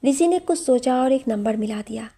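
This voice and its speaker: A woman narrating a love story in a calm, steady reading. Her voice sits slightly high, with a mellow warmth and a soft, husky breathiness. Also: normal speed.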